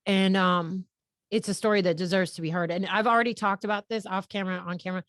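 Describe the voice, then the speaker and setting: A woman's voice: mid-range voice, fairly even intonation, quick pace, fairly bright tone, no room sound, clean studio sound. A woman hosting a podcast interview, heartfelt and rambling, often laughing and tearing up. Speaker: podcast host.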